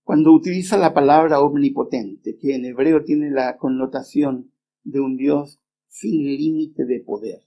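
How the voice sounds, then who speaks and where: A middle-aged man preaching a sermon, earnest and unhurried, often pausing with small hesitations as he tells a personal story. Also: medium pitch. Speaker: preacher and Bible teacher. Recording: dull lo-fi remastered recording.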